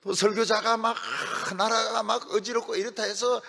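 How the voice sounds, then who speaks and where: A middle-aged male pastor preaching a sermon in a lively, storytelling way, acting out the voices of people he quotes. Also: high voice, moderate pace, creaky. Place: church sanctuary. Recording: long reverb of a church hall.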